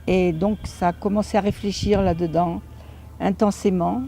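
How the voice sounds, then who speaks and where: A woman telling her own story in French in a lively anecdotal way, acting out the lines of people she quotes. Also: lowish voice, normal speed, soft background music. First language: Italian and French. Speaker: speaker recounting her life. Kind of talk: personal storytelling talk.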